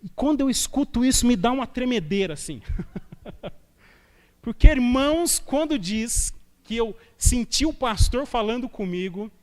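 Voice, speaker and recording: A man's voice: very high voice, animated, measured pace. A man preaching a sermon as a guest pastor, talking in a conversational way, telling anecdotes and asking rhetorical questions. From Brazil. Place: church sanctuary. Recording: long church reverb from a live stream.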